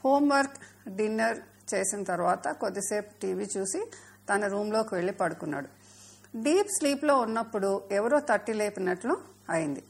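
A woman narrating a children's story in a measured, expressive way. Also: mid-range voice, creaky, husky.

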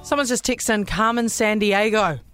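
A woman's voice: mid-range voice, moderate pace, a bit bright, clean tone, faint music behind. A woman with a New Zealand accent co-hosting casual radio banter. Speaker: radio co-host.

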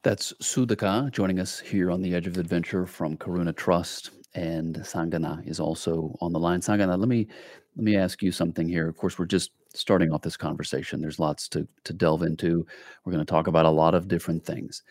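A man hosting an interview podcast, asking measured, probing questions. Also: deep voice, fairly even intonation, a little mellow, no echo, studio quality. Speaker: podcast host.

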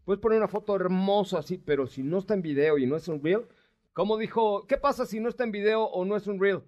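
A man's voice: high voice, fast talker, a little mellow, highs cut off. A man with a Mexican Spanish accent hosting a car talk show in a chatty, joking, storytelling manner. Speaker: host. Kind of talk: casual radio show chat.

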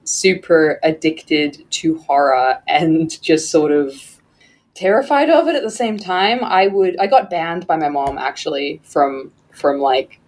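A woman's voice: sits low, measured pace, a little mellow. A woman co-hosting a radio show in casual chat, talkative and laughing often, with many fillers.

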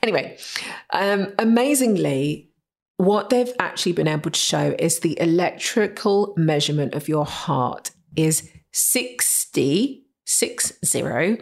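A woman's voice: deep voice, gravelly. A woman hosting a solo podcast, explaining ideas with enthusiastic emphasis and rhetorical questions. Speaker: podcast host.

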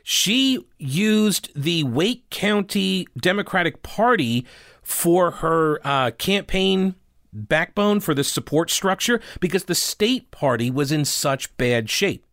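A man hosting a talk podcast with a slightly harsh, hoarse voice, speaking informally and with opinion. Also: on the high side, lively intonation, slow pace, fairly bright tone, dry recording, studio quality. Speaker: radio and podcast host. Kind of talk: conversational talk show monologue.

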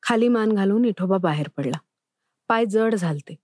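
A woman narrating a story in a calm, measured reading voice. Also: mid-range voice, dry recording, studio quality.

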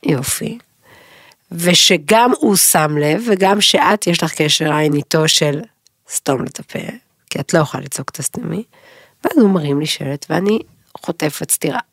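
A middle-aged woman co-hosting a podcast in casual chat, rambling, emotional and quick to joke. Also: deep voice, expressive, husky, no room sound, studio quality. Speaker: podcast co-host.

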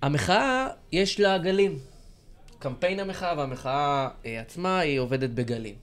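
A man's voice: fairly high pitch, animated. A man co-hosting a podcast, steering the talk and building his points step by step. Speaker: podcast co-host. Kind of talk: casual chat.

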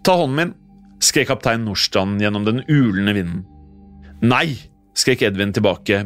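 Low-voiced man narrating a horror tale. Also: fairly bright tone.

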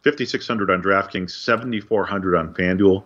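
This man has a deep, slightly bright voice and speaks at a moderate pace. As co-host of a sports podcast, he reads the news and chats casually with a dry, wry delivery. The recording sounds dull and lo-fi.

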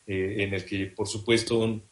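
A Mexican voice actor speaking on a panel in a measured, reflective way. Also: male voice, fairly low pitch, level tone. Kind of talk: panel talk. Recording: roomy virtual panel audio.

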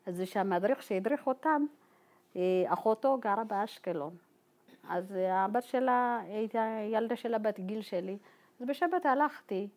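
A woman from Ethiopia telling her own life story to a group in a halting, informal way, full of fillers and re-enacted dialogue. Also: mid-range voice, expressive, darkish tone. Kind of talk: personal testimony told to a group.

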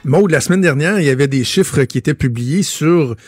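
Soft background music plays as this man, his voice husky and on the high side at normal speed, co-hosts a radio show with a Quebec French accent. Speaking into a studio mic in a radio studio, he's an animated storyteller who laughs through casual chat, and the recording is dry and clean.

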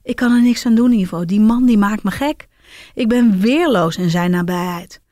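A woman's voice: on the high side, a little mellow. A woman reading a serialized first-person diary story in an intimate, confiding way. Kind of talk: scripted first-person narration.

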